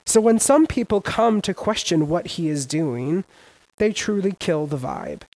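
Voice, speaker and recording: A man preaching a sermon as pastor, emphatic and casual, with sudden loud rises and everyday slang. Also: sits high, animated, measured pace, poor audio.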